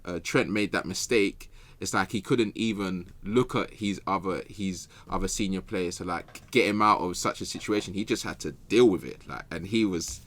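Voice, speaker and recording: A man offers his opinion as a football podcast pundit in casual sports chat, speaking slangily and often repeating phrases for emphasis. His voice is low-pitched and fairly bright, at a normal speed.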